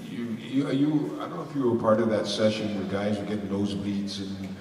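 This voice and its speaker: A man's voice: lowish voice, steady tone, a little fast, a little mellow, far from the mic, slight background noise. A man speaking as a voice actor on a convention panel, rambling with lots of restarts and laughs. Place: large convention hall. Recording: echoey hall recorded from afar.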